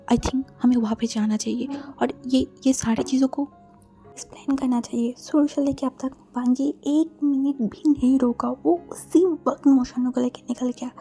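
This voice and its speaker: A woman casually retelling a fan-fiction story, often in a soft half-whisper. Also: high-pitched. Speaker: story narrator.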